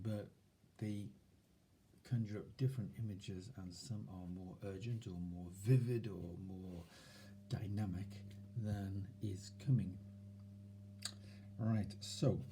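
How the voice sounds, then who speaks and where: A man giving casual self-help advice, moving between soft murmurs and lively emphasis. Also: on the low side, slight background noise, rough recording. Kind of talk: casual instructional talk.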